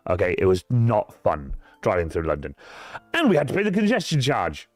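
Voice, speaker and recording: Man, livestream chat, swearing storyteller, lively pitch, ranting to chat. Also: brisk, no echo, faint music behind. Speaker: cosplay livestreamer.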